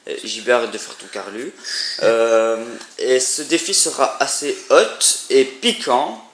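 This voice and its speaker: A man's voice: medium pitch, unhurried, fairly bright tone. A young man presenting a challenge video in casual, rambling talk with slang and crude words. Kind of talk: casual unscripted vlog chat. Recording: roomy echo, faint background noise.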